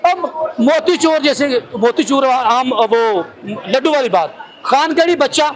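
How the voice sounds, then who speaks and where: A man's voice: extremely high pitch, expressive, takes it slowly, low-quality recording. A male field reporter with a Pakistani Urdu accent gives a walking tour of an exhibition, listing items one by one with many fillers, speaking into a handheld mic. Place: crowded indoor exhibition hall. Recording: crowd chatter behind.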